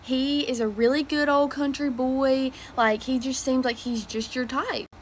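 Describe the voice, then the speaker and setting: A woman's voice: high-pitched, fairly even intonation, unhurried, slight background noise. A woman voicing a sweet, pushy old grandmother who plays matchmaker, with a doting, coaxing way of talking.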